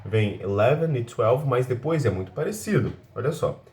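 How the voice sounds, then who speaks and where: A native Portuguese-speaking man teaching English in a recorded lesson, explaining step by step, checking in often and reading English examples slowly. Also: mid-range voice, lively intonation, a little mellow.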